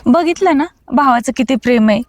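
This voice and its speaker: An actress playing a bustling sister-in-law who nags and persuades. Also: female voice, sits high, fairly quick, no echo. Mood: nagging.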